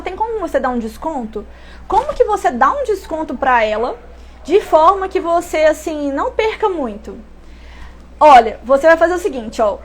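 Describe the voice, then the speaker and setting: Chatty high-voiced Brazilian woman. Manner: chatty, self-correcting, asks rhetorical questions. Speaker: online sales and pricing instructor. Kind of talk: casual live-stream tips.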